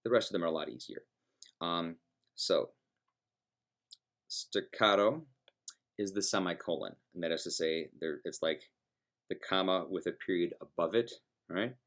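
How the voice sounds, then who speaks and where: A man teaching music students how to use a notation program, explaining each step in a relaxed, folksy way. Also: low voice, normal speed. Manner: relaxed, folksy, talks through clicks step by step. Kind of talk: screen-recorded software tutorial.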